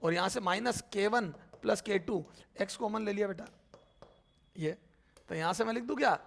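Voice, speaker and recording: A high-pitched man with vocal fry and a slightly bright sound gives a physics lecture at the board. He addresses students as "beta," raises and answers questions on their behalf, and says terms again slowly while writing them out.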